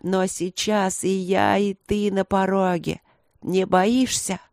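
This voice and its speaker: A reader voicing an ancient, bloodthirsty old priestess who wails and pleads in a slow, drawn-out way. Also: medium pitch, little pitch movement, creaky, a little mellow, no room sound, clean studio sound. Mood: taunting.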